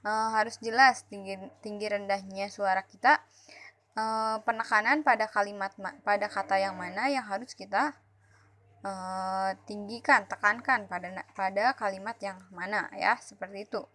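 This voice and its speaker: Bright-voiced woman teacher explaining patiently. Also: mid-range voice, steady tone, moderate pace. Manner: patient, repeats and restarts words while explaining. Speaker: elementary school teacher. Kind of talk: recorded lesson explanation.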